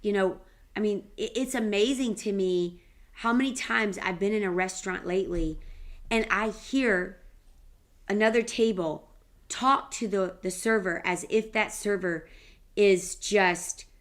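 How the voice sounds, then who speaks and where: A woman's voice: mid-range voice, a little slow. A woman who is a pastor, chatting emphatically in a casual devotional talk. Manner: animated, emphatic, affirming interjections.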